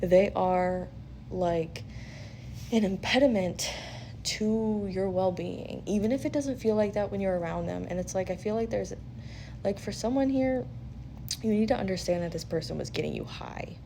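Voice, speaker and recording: Her medium-pitched voice is mellow with vocal fry, moving at a moderate pace over a little hiss or hum. A woman hosting as a tarot-style spiritual reader, she offers a casual, blunt, swear-filled reading and chatty advice, vividly acting out quotes along the way.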